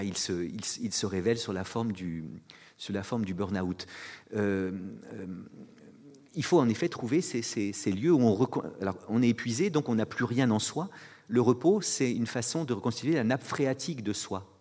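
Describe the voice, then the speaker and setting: A man's voice: on the low side, expressive, normal speed, darkish tone. A man giving a reflective talk, hesitant, with many fillers and restarts. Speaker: speaker on fatigue and rest. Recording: long hall reverb.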